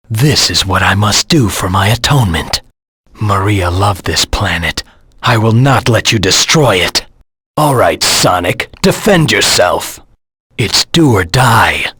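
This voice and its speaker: A man voicing a brooding, vengeful anti-hero hedgehog for a video game, with a gravelly, husky voice and a grim, deliberate dramatic delivery. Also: deep voice, sharp tone, dry recording, studio quality, heavily acted. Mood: defiant, cold.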